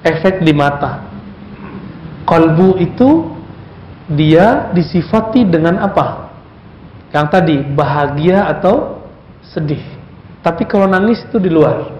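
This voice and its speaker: A man's voice: on the high side, animated, slow pace, pauses often, darkish tone, a little hiss or hum. A male preacher giving a conversational religious lecture, often putting questions to his audience. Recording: echoey, dull lecture recording.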